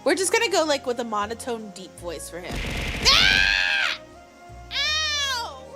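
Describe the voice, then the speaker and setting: A woman streamer commenting playfully on a game, animated and playful. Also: a little high, fast, over loud music.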